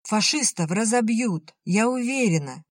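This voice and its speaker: A man's voice: high-pitched, animated, measured pace, no room sound, clean studio sound, pitched above the performer's own voice. A man doing an anxious naive young woman. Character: frightened young woman office worker.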